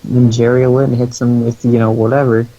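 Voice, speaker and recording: A man's voice: medium pitch, level tone, brisk, warm tone. A man co-hosting a podcast, recapping in casual comedic chat, rambling with crude jokes and lots of fillers. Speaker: podcast co-host. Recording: dull lo-fi sound.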